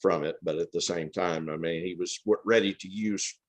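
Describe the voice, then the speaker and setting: A man's voice: low-pitched, steady tone, moderate pace. An older man with an Appalachian accent, telling his story in a casual, folksy, self-deprecating way. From Tennessee and Georgia, United States. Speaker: interview guest, author.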